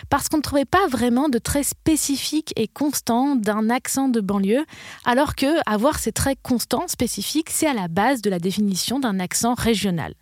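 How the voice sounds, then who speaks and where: A woman hosting and narrating in a clear, explanatory way, asking questions and laying out the facts. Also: on the high side, a little mellow, no room sound, clean studio sound. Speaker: host. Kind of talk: scripted narration.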